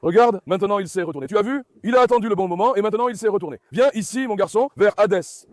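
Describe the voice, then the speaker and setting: A man hosting a dog vlog, giving running commentary to viewers and repeatedly calming his dogs with soothing commands. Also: high-pitched, fast, no echo, studio quality. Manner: talks directly to viewers as friends. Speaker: dog owner and channel host.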